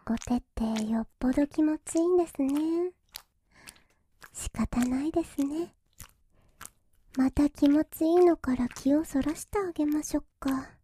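Woman doing a giggly masseuse girl, high breathy whisper, real slow and coaxing. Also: dark tone, slight background noise. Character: teasing young female masseuse tending a hero. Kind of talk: whispered ASMR roleplay.

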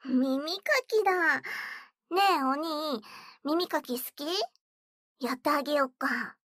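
A woman's voice: sits high, slow, bright, forceful tone, dry recording, clean studio sound, heavily acted. A woman voicing a bratty, teasing young stepsister girl in a whispered role-play, taunting and giggly as she coaxes. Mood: playful.

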